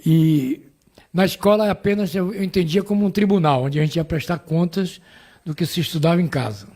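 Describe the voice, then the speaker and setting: A man's voice: fairly high pitch, brisk, a little mellow. A man hosting a live radio interview, chatting and chiming in with the guest. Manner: conversational, chiming in with agreement. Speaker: radio host.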